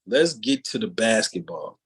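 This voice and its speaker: A man's voice: on the low side, lively intonation, unhurried, slightly rough, low-quality recording. A man hosting a casual basketball podcast chat, talking in a loose, conversational way and drawing out his phrases. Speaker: podcast host.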